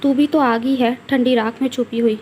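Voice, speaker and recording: A woman's voice: fairly high pitch, steady tone, moderate pace, a little mellow, slight background noise, close to an everyday voice. A woman voicing a young village woman who fondly scolds like a mother, in a read-aloud story. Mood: teasing scold.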